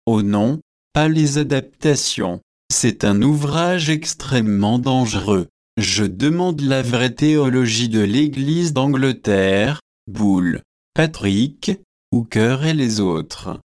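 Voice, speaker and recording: A man reading the part of a prim, fussy young newly married gentleman in an audiobook, speaking in a doting, proper way. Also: medium pitch, lively intonation, slow pace.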